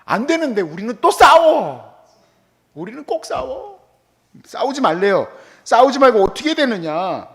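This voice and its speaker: A middle-aged man preaching in a church, his voice pitched high and swinging widely up and down. He talks to the congregation like a friend, slipping into little acted-out quotes of what people say. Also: a little slow. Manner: animated, conversational preaching with quoted asides. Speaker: pastor. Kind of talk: sermon. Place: church hall.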